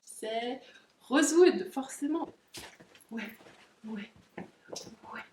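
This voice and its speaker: A woman's voice: a little high, very slow. Chatty woman in a roomy room. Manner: chatty and excitable, giggly, talks to her dogs. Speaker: pet vlogger. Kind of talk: casual unboxing chat. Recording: roomy, distant camera audio.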